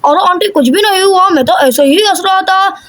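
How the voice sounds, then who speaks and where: A woman's voice: very high-pitched, normal speed, fairly bright tone. A woman voicing a cheeky young village boy in a cartoon, teasing and chatty.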